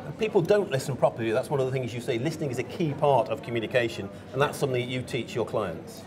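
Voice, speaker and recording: A man in his forties puts questions as an interviewer, in a conversational style. His voice sits at a medium pitch. People can clearly be heard murmuring behind him. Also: animated, fast talker. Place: indoor event interview stage. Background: crowd murmur.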